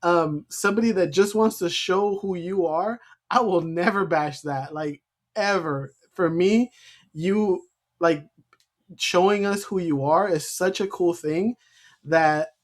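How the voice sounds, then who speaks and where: A man co-hosting a podcast as a special education teacher, chatting casually and laughing often. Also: high-pitched. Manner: laughs often, quick chatty delivery with restarts.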